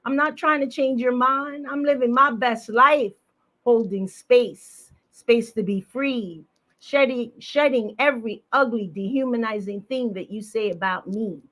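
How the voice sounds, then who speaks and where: A woman's voice: on the high side, measured pace, a bit bright. A woman opening a video-call panel, first reciting a rhythmic spoken word poem, then welcoming everyone in a casual way, with Spanish phrases mixed in. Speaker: panel opener and poet.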